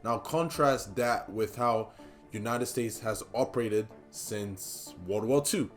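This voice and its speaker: A man's voice: lowish voice, slow pace, faint music behind. A man hosting a solo commentary show, speaking emphatically, repeating key points for stress and slipping in casual asides to the listener. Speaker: podcast host.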